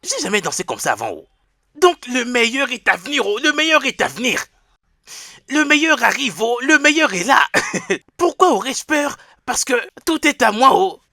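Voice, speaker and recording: A man dubbing an excitable young male servant in a film, laughing often and swinging between boasts and worry. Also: on the high side, fairly quick, breathy edge, no echo, studio quality, heavily acted. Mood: jubilant. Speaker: houseboy servant. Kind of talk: French film dub.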